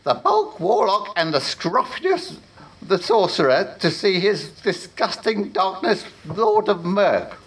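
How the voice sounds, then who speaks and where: A man's voice: sits high, big pitch swings, takes it slowly, husky, pitched above the performer's own voice, exaggerated voice. A man puts on a haughty, scaly warlock, a vain and stern male sorcerer. The voice sits well above the reader's own and lingers on each weighty word. It stays lofty and self-important throughout. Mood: pompous.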